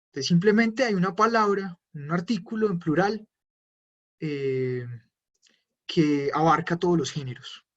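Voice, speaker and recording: A man's voice: high-pitched, dull audio. A man teaching German in a live online class, explaining patiently and answering viewers' questions. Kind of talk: live online language lesson.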